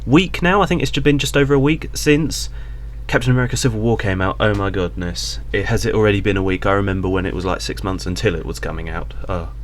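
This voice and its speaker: A man hosting a casual podcast chat with friends, playful and animated, teasing the others. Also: lowish voice, fast talker, slight background noise. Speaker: podcast host.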